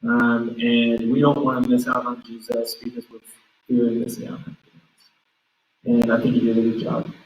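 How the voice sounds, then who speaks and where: A man's voice: medium pitch, completely flat delivery, moderate pace. A man hosting a youth group livestream, easygoing and encouraging, with frequent ums. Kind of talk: casual livestream chat. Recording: roomy room, mic at a distance.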